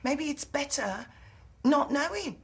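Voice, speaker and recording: A brash, creaky-voiced woman. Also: high-pitched, animated, slight background noise, full character voice. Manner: blunt, quick to decide. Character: brash forgetful woman who has lost her memory. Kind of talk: TV soap acting.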